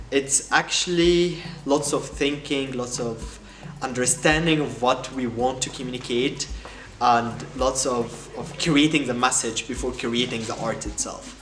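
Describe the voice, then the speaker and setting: A man from Egypt talks at an unhurried pace, pausing and restarting as he searches for the right words. His voice carries an echoey room sound, and loud music plays beneath it. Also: mid-range voice. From Egypt, Cairo. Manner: thoughtful, hesitant, many ums and restarts. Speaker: guest artist. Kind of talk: casual interview answers.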